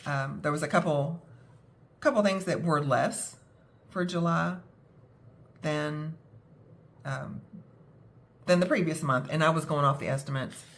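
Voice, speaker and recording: A woman's voice: deep voice, unhurried, pauses often. A young adult woman with a scratchy throat from a cold, talking casually and self-deprecatingly, with many fillers. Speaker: budgeting vlogger. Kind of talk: casual talk to camera.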